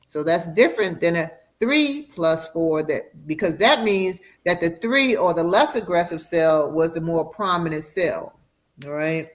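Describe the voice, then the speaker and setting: A middle-aged woman speaks as a guest doctor in an interview, explaining clearly and patiently. She slows down to drive home important points and sometimes laughs as she talks. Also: lowish voice. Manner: warm, explanatory, slows for emphasis. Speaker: radiation oncologist guest. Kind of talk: educational interview.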